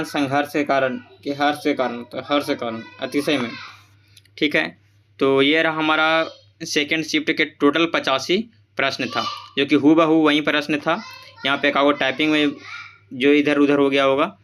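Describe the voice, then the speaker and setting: A man's voice: a little high, fairly bright tone, slight background noise. Man walking through exam answers. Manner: repeats each answer as a question and reply; mixes English terms into his explanations. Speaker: exam tutor.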